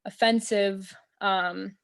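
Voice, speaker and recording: Very slow and touched with vocal fry, her mid-range voice is clear and resonant: a young adult American woman talking as an interview guest on a video call. Indoors in a small room at home, she converses casually in a relaxed, earnest, thoughtful manner, full of "um" and "like."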